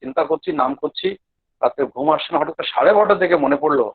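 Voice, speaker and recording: A man from Maharashtra, more at home in Hindi and Marathi, gives a humble devotional talk in halting, less practised Bengali mixed with English words over an online call. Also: fairly high pitch, breathy edge, no room sound, narrow, tinny audio. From Maharashtra, India. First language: speaks Hindi and Marathi more readily than Bengali. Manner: humble, deferential. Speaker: guest devotional speaker. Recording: thin band-limited online call audio.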